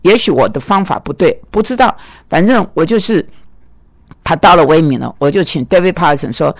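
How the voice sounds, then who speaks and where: A man teaching biblical counseling, telling anecdotes in an animated way and voicing quoted dialogue. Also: a little high, brisk, dry recording, clean studio sound. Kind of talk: lecture with personal anecdotes.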